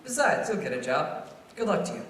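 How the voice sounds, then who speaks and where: A performer playing an earnest, good-hearted small-town man in a stage radio play, folksy and excitable. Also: medium pitch, fairly quick. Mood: kindly, concerned. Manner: folksy, animated. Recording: echoey hall, distant mic, faint noise.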